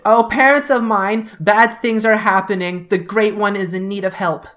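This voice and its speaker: A man's voice: sits high, steady tone, moderate pace, voice pushed up, close to an everyday voice. A man voicing a small, cheerful male mandragora who guards his village, speaking formally in a raised voice. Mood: panicked. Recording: tinny phone-like call audio.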